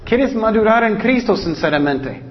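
Female preacher, earnest and steady, reads verses slowly; muffled, lo-fi sound. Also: mid-range voice. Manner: earnest, slows down to read scripture verses. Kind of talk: sermon.

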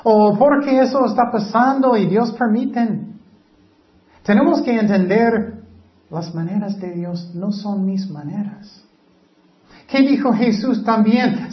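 A man preaching slowly and deliberately, his voice pitched a little high for a man. He sounds far from the mic in a roomy hall, and the recording is dull and lo-fi. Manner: rises in pitch and volume for questions and quoted lines, drops low on asides. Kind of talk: sermon, reading and explaining scripture. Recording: roomy, distant, dull low-fidelity sound.

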